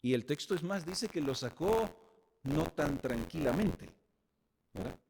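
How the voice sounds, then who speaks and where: A man's voice: fairly high pitch, expressive, a little slow, darkish tone. A man preaching a sermon as pastor, speaking directly to the congregation.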